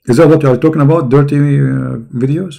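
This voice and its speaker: A man's voice: fairly high pitch, fairly even intonation, fairly quick, gravelly, warm tone. A man giving sarcastic, mocking religious commentary, saying he is losing his voice.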